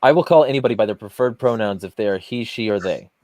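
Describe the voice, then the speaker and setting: A man's voice: lowish voice, fast talker, a little mellow, dry recording. A man hosting a podcast who rants bluntly and swears often in casual heated talk. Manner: blunt, profane, ranting. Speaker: podcast host.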